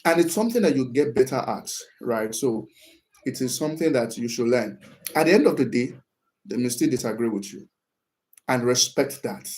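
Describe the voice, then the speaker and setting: A man's voice: medium pitch, lively intonation, moderate pace, darkish tone. Conversational man giving advice. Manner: conversational, often asks "right?" to check in; acts out example phrases in a livelier tone. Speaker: speaker on workplace communication. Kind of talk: casual advice talk.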